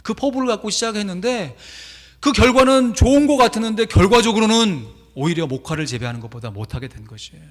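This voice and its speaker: A man's voice: high voice, lively intonation, fast. A man pastor preaching a sermon in a church, telling a story animatedly with sudden emphatic rises. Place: church sanctuary. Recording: long church reverb.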